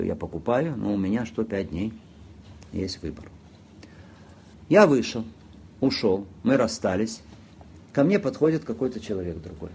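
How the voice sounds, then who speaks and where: A man's voice: mid-range voice, mellow, slight background noise. A man teaching a lesson on Islamic commercial law, walking through worked examples, repeating key phrases and asking the listeners rhetorical questions. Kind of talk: lecture on Islamic jurisprudence.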